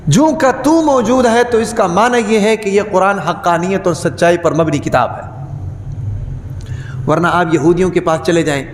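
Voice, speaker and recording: A man's voice: high-pitched, a little hiss or hum. A man giving a Friday sermon, who keeps putting rhetorical questions to the congregation and repeats key words for emphasis. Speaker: preacher. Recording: echoey hall with long reverb.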